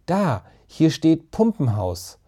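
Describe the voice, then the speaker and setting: Man voicing a curious imaginative schoolgirl, storybook, wondering, raised pitch. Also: very animated, slow, mellow, full character voice. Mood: excited.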